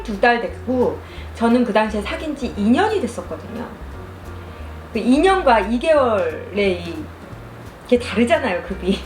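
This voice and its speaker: A young adult woman telling a story casually over food and drink, chewing while talking and speaking in an animated storyteller's manner. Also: on the high side. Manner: animated storytelling, acts out quoted lines. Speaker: mukbang vlogger. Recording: roomy echo, music behind.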